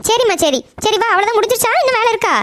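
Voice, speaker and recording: A woman's voice: extremely high pitch, lively intonation, rapid-fire, fairly bright tone, pitched above the performer's own voice. A woman voicing a greedy, scheming middle-aged aunt in a cartoon, muttering her plots to herself. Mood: coaxing. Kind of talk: cartoon voice acting.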